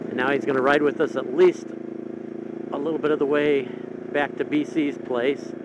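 A man's voice: a little high, level tone, normal speed. A man with a Midwestern American accent, vlogging casually from his motorcycle with rambling asides. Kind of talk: casual narration while riding. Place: outdoors on a motorcycle in city traffic. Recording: road and engine noise.

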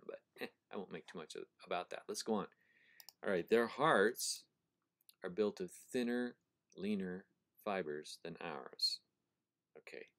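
A man explaining prose style in a recorded lecture, thinking aloud, correcting himself and slowly repeating phrases to stress their sounds. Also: low-pitched. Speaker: professor.

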